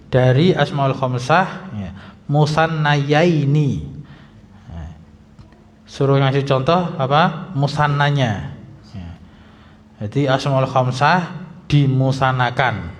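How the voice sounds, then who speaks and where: A male Islamic teacher giving a grammar lesson in a mosque, reading text slowly, then explaining briskly and quizzing his students. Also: mid-range voice. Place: mosque hall. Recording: dull lo-fi sound in a reverberant hall.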